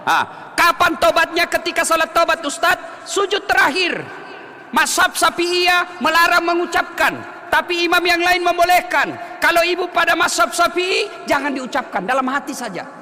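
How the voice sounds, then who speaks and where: A man from Sulawesi preaching a humorous sermon, joking, shouting and chanting at times. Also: extremely high pitch, moderate pace. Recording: echoey hall, faint ambience.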